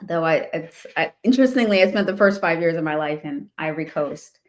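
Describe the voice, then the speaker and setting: Low-voiced and brisk, this interview guest, a real estate investor from the D.C. area, recounts her life casually. She laughs a lot and frequently starts her sentences over.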